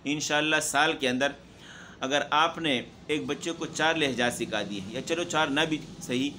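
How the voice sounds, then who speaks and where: A man who teaches Quran recitation, giving a steady instructional talk to fellow teachers and often pausing to check in with them. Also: a little high, slight background noise. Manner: steady explaining, frequent "theek hai" check-ins.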